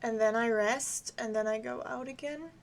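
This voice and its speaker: A woman's voice: fairly high pitch, normal speed. Giggly woman chatting on a game stream. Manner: giggly, chatty, talks to viewers and her cat. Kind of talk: casual live-stream chat while gaming.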